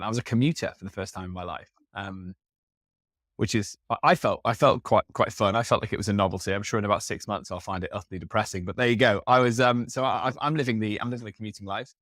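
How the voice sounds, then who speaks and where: A man's voice: mid-range voice, a bit bright, no room sound, clean studio sound. A man in his thirties co-hosting a podcast, chatting casually and rambling with lots of fillers and restarts. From England. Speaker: podcast co-host.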